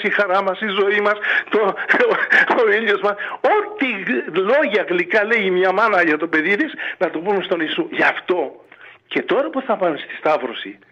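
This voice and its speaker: A monk gives a radio interview, exhorting listeners in a fatherly manner and filling his speech with rhetorical questions. His voice sits high with a sharp tone, heard as dull lo-fi audio from a radio studio or phone line.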